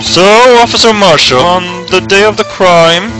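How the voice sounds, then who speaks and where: A man's voice: high voice, moderate pace, lightly acted, poor audio. A man voicing a cold, formal young prosecutor who speaks with stiff disdain. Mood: disdainful. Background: game music.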